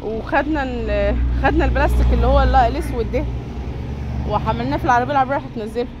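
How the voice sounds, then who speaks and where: A woman's voice: high-pitched, rapid-fire, lo-fi sound, crowd noise, noisy background. A woman with an Egyptian Arabic accent casually touring viewers around a poultry yard and shop, talking straight to them as she walks. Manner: chatty, addresses viewers directly while touring. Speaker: vlogger giving a tour. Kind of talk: casual walk-through vlog.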